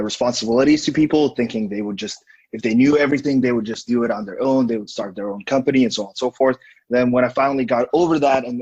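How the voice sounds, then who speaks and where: Husky young man from Estonia, dull audio. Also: medium pitch, a little mellow. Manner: thoughtful, hesitant with fillers and restarts. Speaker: guest, digital marketing director. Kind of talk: casual interview.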